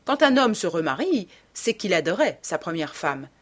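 A woman voicing a witty, cynical aristocratic gentleman in an audiobook, delivering his epigrams dryly. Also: on the low side, big pitch swings, moderate pace, slightly rough. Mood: ironic. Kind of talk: audiobook character reading.

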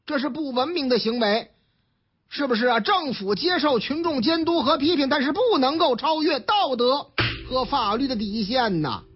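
Over dull lo-fi radio sound, a man with a Beijing accent delivers colloquial, storytelling-style news commentary, acting out the characters in his tales. His voice is very high-pitched and slightly rough.

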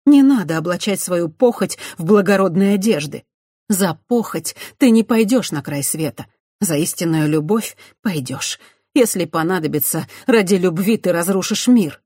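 An audiobook reader voicing a proud, defiant condemned witch woman who speaks in shrill, fierce outbursts. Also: a little slow, mellow, husky, no echo, clean studio sound. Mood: passionate. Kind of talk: audiobook character voice.

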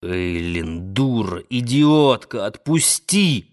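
A man voicing a forceful, decisive tycoon who barks orders in a hoarse voice. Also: medium pitch, expressive, slow. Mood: enraged. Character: commanding middle-aged tycoon, forceful and decisive.

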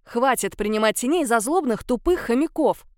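A woman's voice: on the high side, animated, moderate pace, no echo, studio quality, natural voice. A woman voicing a feisty, demanding young huntress. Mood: insistent.

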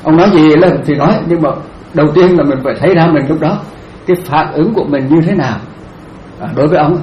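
A male Buddhist monk giving a dharma talk, answering a question gently, repeating his phrases and laughing now and then. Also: a little high, fast talker, highs cut off. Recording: echoey room, faint noise.

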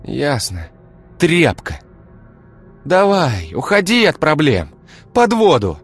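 A man voicing a sharp-tongued, frightened young woman in an audiobook, shrill and cutting. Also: wildly swooping pitch, slow, slightly rough, faint music behind, exaggerated voice. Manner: shrill, pleading then scornful. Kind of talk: audiobook character voice.

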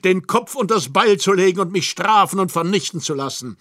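A man's voice: high voice, animated, fairly quick, a bit bright, dry recording, clean studio sound. A man reading an audiobook and voicing a desperate, self-loathing man who pleads in an anguished, overwrought way.

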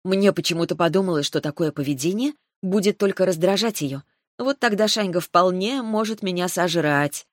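Woman reading a fantasy audiobook, lowish voice, dry close sound. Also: moderate pace, no room sound. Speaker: audiobook narrator. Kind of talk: first-person audiobook narration.

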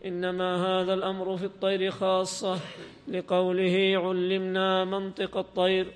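A man's voice: high voice, monotone, clean tone. A man reading a classical religious text aloud to a teacher in a lilting, chanting style. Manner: lilting, drawn-out chanting delivery. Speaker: student reader. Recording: long hall reverb.

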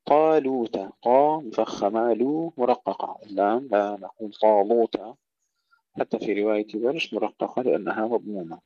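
A man teaching Quranic recitation rules, reciting short verse fragments slowly and a little louder, then explaining them in a calm teaching voice. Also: fairly low pitch, no room sound, dull audio.

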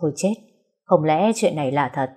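A woman voicing a suspicious young woman speaking quietly. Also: sits low, animated, moderate pace, slightly rough. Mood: hushed. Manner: hushed.

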